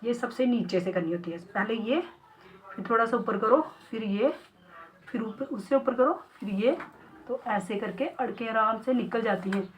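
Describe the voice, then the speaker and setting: A woman's voice: on the high side, normal speed, low-quality recording. A woman who runs a beauty salon, chatting casually in a vlog and talking straight to her viewers and her pet parrot. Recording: clear background noise.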